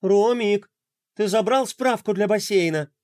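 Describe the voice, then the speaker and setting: A man voicing a calm mother who calls to her son from another room. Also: high voice, unhurried, no echo, clean studio sound, voice pushed up. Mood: hurrying.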